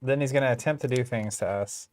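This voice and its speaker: A young man co-hosting a card game stream, trading dry, sarcastic deadpan quips. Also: medium pitch, fast talker. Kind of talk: casual playthrough banter.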